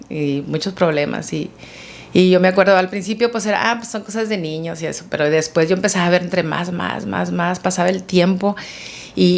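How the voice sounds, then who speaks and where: A middle-aged woman with a fairly low voice tells her testimony earnestly. She talks in a halting way, circling back and repeating words as she goes. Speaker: guest, mother of the host. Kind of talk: personal testimony, casual.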